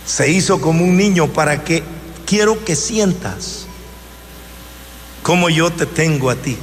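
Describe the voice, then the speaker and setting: A man in his seventies preaching a sermon in a slow, emphatic way, with rising exclamations. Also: on the high side, expressive. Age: 70s. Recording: hall reverb with faint noise.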